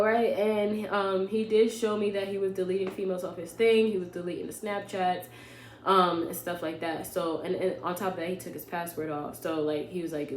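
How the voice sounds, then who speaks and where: A young woman casually telling a personal story to her vlog audience, sarcastic and full of "like" and "you know what I'm saying". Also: medium pitch. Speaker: vlogger. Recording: roomy echo with faint hum.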